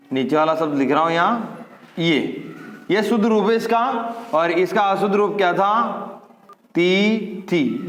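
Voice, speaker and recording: High-voiced Hindi teacher drilling spellings. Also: male voice. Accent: Rajasthani-tinged Hindi. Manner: emphatic, repeats words slowly to drill pronunciation. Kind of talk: classroom-style spelling lesson. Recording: echoey room with long reverb.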